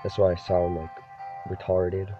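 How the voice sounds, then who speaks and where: Sick with a cold, a young gaming YouTuber chats casually over his gameplay and keeps saying "dude," his voice deeper than usual. It comes out low, dark and level, at a measured pace. Game music sits behind the dull, lo-fi recording.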